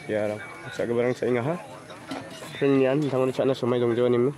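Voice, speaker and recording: Filming a casual walking vlog on a handheld phone at a rural outdoor fair, a man chats and greets people as he goes. His voice is mid-range and steady-toned, his pace fast, with crowd noise around him.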